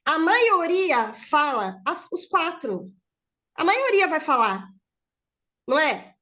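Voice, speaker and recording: A woman sales consultant coaching her peers in casual talk, persuasive and animated. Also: high voice, takes it slowly. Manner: persuasive, animated, acts out client dialogue.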